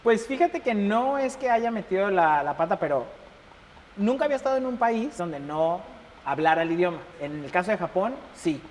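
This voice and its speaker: Animated Mexican man in reverberant room. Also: high voice, moderate pace. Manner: animated, acts out quoted dialogue, laughs often. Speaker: embassy chef, interview guest. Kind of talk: casual interview storytelling. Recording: reverberant room with faint noise.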